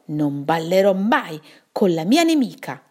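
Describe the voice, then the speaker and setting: A woman voicing a stubborn dark storm cloud. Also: medium pitch, huge pitch swings, normal speed. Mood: defiant. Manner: firm, defiant. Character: stubborn female dark cloud, proud and grudging.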